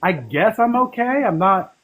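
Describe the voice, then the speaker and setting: A man talks loosely on a podcast, his voice sitting a little higher than most men's. He rambles, pauses on fillers and pokes fun at himself in an easygoing chat. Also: lively intonation, a bit bright, slight background noise. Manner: rambling, self-deprecating, halting with fillers. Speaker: podcast co-host. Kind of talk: casual chat.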